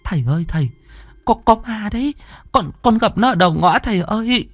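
A frightened young village woman, as a man voices her in a ghost story, stammers and pleads through tears. Her voice swings up and down in pitch. The sound is close and dry. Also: lively intonation, normal speed, fairly bright tone, dry recording, faint music behind. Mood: frightened pleading.

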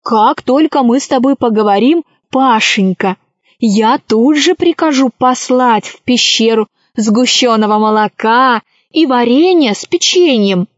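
A woman's voice: a little high, a little slow, no echo. A woman playing a gushing, theatrical pirate queen. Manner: gushing and exclamatory. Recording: dry, slightly dull recording.

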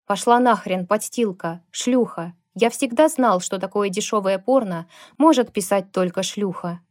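A woman's voice: medium pitch, expressive, moderate pace, a little mellow, no room sound, studio quality, close to an everyday voice. A woman voicing a sneering, spiteful young man. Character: rude bitter young man, venomous, mocking.

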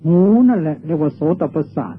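An older Thai monk delivers a dharma sermon in a slightly raised voice, patiently explaining and repeating meditation chants. The sound is thin and tinny, like an old tape played through a narrow speaker, with faint hiss underneath. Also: male voice, on the high side. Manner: patient, repetitive teaching with drawn-out meditation chants. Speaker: Buddhist monk.

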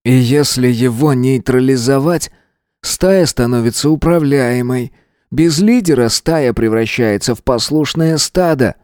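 A man's voice: mid-range voice, unhurried, darkish tone, no echo, studio quality, pitched above the performer's own voice, natural voice. A man reading an audiobook voices a cold, contemptuous armed man who barks orders and sneers.

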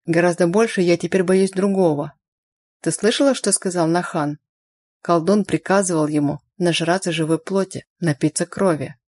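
A woman's voice: on the low side, normal speed, darkish tone, no echo, lightly acted. A woman voicing a grim, wary male hunter who speaks in clipped commands. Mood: brooding.

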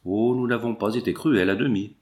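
A man voicing a lively bourgeois lady who speaks in a light, coaxing way. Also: on the low side, a little fast, natural voice.

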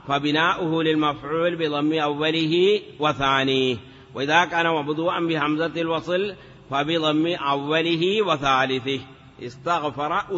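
A man's voice: fairly high pitch, bright, forceful tone, big-room sound, muffled recording. A man teaching Arabic grammar in a patient classroom lecture, repeating examples and chanting some in a sing-song lilt.

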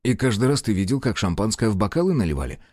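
Man voicing a skeptical investigator, low, measured, persistent, dry. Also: sing-song, darkish tone, dry recording. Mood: probing. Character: calm male investigator, probing and skeptical.

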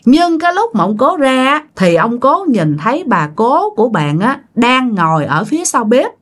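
A woman's voice: fairly high pitch, very animated, normal speed. A woman telling a ghost story in a casual, chatty way, talking straight to her listeners. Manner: chatty, addresses listeners directly.

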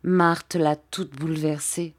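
A woman voicing a gentle young man who softly consoles his fiancée in an audiobook. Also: medium pitch, animated, slow pace. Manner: soft and soothing.

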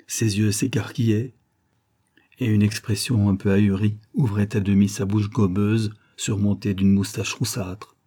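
A man narrates an old-fashioned novel in a measured, storytelling manner. His voice is low and mellow with a breathy, husky edge. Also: flat delivery. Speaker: audiobook reader. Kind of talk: literary narration.

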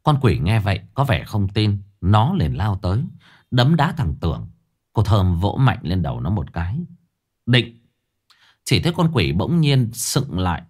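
Lively low-voiced male storyteller. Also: unhurried, breathy edge. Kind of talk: spooky folk tale narration.

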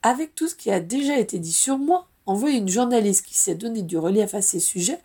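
A woman's voice: medium pitch, expressive, brisk, mellow, husky. A woman reading the lines of a modest, dutiful young man, an Auror, earnestly and plainly.

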